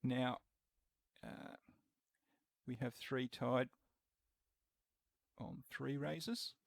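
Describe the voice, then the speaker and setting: A man with a gravelly, dry-sounding voice running a tabletop game. He explains the rules slowly and patiently, with an easy laugh between turns. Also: medium pitch, fairly even intonation, no echo. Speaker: game master.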